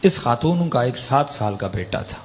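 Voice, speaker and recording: A man's voice: mid-range voice, lively intonation, slight background noise. A man preaching in an emotional storytelling sermon, impassioned and rising to raised pleading peaks. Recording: long hall reverb.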